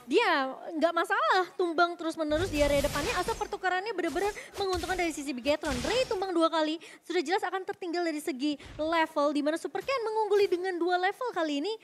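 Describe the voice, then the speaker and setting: A woman's voice: very high-pitched, quick pace, hardly any pauses, a little hiss or hum. A woman with an Indonesian accent giving analytical commentary as an esports caster. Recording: music behind the voice.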